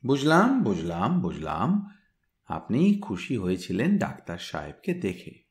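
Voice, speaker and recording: A man reading a story aloud, voicing a playful male detective who asks slow, teasing questions. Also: medium pitch, sing-song. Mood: teasing, probing.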